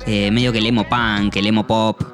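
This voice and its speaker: A man co-hosting a casual music review chat, talking in a relaxed, chatty way with frequent fillers. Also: on the low side, a little fast. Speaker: podcast co-host.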